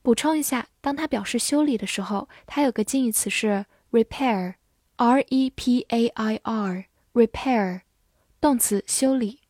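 A woman teaching English vocabulary, spelling words letter by letter and modelling slow repetitions. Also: on the high side, darkish tone, no room sound, studio quality. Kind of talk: vocabulary lesson, spelling and slow read-alouds.

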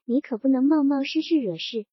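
A woman's voice: high voice, brisk, no echo, close to an everyday voice. Woman reading as a wary, sly village official. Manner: cautious, probing. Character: sly middle-aged male village official. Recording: dull, dry lo-fi recording.

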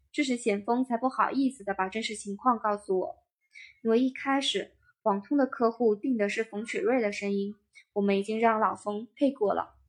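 A woman narrating a first-person memoir in a steady, even reading voice. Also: mid-range voice.

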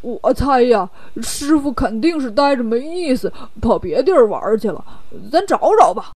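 A woman's voice: on the high side, animated, moderate pace, darkish tone, dry recording. Zhu Bajie, a woman doing a greedy lazy pig-monk. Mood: boisterous.

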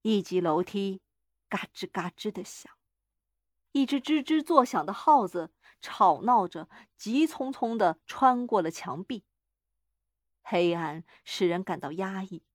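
A woman's voice: mid-range voice, expressive, darkish tone, no echo. Dry, close woman storyteller. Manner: measured, dramatic reading. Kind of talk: scripted narration of a horror story.

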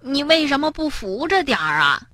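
A woman voicing a clumsy, stubborn young male frog in a storybook reading, soft and mumbling. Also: mid-range voice, normal speed, dry recording, clean studio sound. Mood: sheepish.

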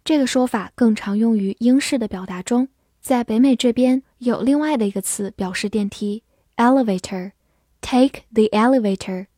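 A woman English teacher giving a scripted vocabulary lesson, spelling words letter by letter and reading example sentences slowly. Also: on the high side, dark tone, no room sound, clean studio sound.

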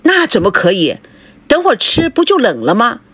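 A woman's voice: on the high side, wildly swooping pitch, normal speed, a bit bright, slightly rough, no room sound, pitched above the performer's own voice, exaggerated voice. Woman doing a fussing, shrewd mother. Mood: scolding. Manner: fussing, persuasive. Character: shrewd middle-aged mother, fussing and scheming.

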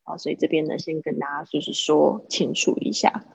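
A woman teaching English vocabulary on a livestream, explaining patiently and drilling pronunciation slowly. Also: sits low, creaky, darkish tone, slightly rough, dry recording. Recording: dull, lo-fi livestream audio.

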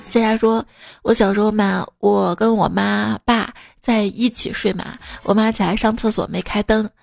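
A woman's voice: medium pitch, steady tone, normal speed, vocal fry, a little mellow. A woman hosting a comedy show, reading listeners' funny anecdotes aloud, acting out the quoted lines and laughing at her own jokes. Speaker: comedy podcast host. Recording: background music.

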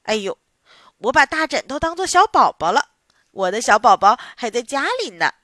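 A woman voicing a careless, flustered young mother who calls out high and loud in a children's story. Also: sing-song, moderate pace, dry recording, clean studio sound. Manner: frantic, high and loud, crying out.

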